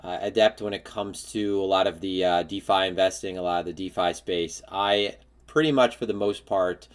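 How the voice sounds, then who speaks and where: Laid-back lower-voiced man hosting. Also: moderate pace. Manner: relaxed, laid-back, frequent filler words. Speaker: livestream host. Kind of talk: casual livestream chat.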